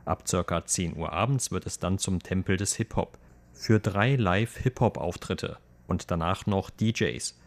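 A man reading a translated voice-over in a steady, matter-of-fact way. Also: deep voice, unhurried.

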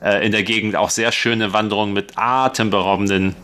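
A man from northwestern Germany who works as a journalist, co-hosting a casual radio chat and speaking in a relaxed, thoughtful way with frequent hesitations. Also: on the low side, a little fast, a little hiss or hum. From northwestern Lower Saxony, Germany.

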